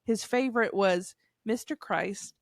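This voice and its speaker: A woman's voice: medium pitch, unhurried, no room sound, clean studio sound. Amused woman in her thirties. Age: 30s. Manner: amused, laughs between lines. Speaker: podcast co-host. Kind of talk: casual chat, reading posts aloud.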